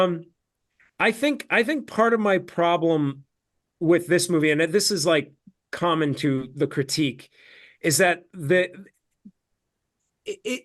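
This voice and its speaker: Brief: American actor guest, a bit high-pitched, loose rambling delivery over a video call. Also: male voice. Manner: rambling, many fillers and restarts. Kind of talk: casual film discussion.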